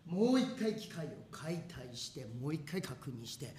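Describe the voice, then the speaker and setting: Animated preacher voicing machine sound effects. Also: medium pitch, moderate pace, slight background noise. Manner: animated, acts out machine noises with sound words. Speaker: pastor. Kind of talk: sermon storytelling.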